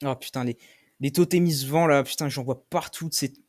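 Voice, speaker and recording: A young man commentating his own game play, swearing often and shouting when he loses. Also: medium pitch, normal speed. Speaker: gaming streamer.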